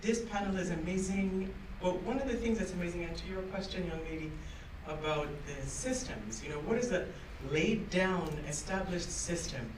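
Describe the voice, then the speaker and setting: A woman's voice: lowish voice, normal speed. A middle-aged woman from Barbados speaking emphatically at a panel event, mixing in French and Creole phrases. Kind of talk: impassioned panel remarks. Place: large conference room with audience. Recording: echoey room, distant, noisy.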